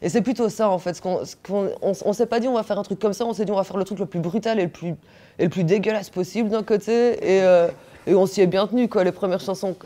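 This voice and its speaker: A woman's voice: mid-range voice, fast, dark tone. A woman, a punk singer answering interview questions bluntly and crudely, with jokes and fillers. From Belgium. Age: 30s.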